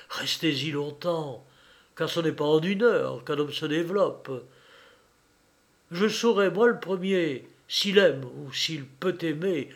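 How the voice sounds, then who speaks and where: A man reading the part of a shrewd, devoted young hunchback who speaks fervently and slyly. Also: a little high.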